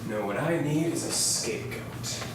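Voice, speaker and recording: A man's voice: mid-range voice, lively intonation, normal speed, lightly acted. Man acting an unhinged villain, wildly swooping voice. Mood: pompous scheming. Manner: theatrical, pompous, maniacal villain ranting. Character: unhinged, scheming villain, a pompous male sales manager. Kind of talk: broad parody stage-style comedy acting. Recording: echoey, noisy room, miked from far off.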